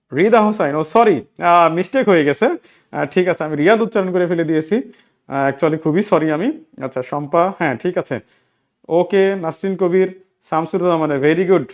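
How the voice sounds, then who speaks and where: A man teaching a live online class, repeating key facts and asking students if they follow. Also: sits high. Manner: repetitive, drills key facts with check-in questions; reads out viewer names and thanks them. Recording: dull lo-fi sound.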